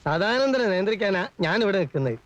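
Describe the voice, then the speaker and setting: An actor playing a fussy, self-important middle-aged household hanger-on, talking excitably and gossiping. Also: male voice, high-pitched, fast talker, dry recording, poor audio. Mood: boastful.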